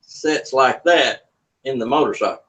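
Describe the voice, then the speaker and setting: A man with a mid-range, slightly bright voice hosts a casual livestream, rambling folksily and unhurriedly while working on a carburetor. He sounds distant from the mic.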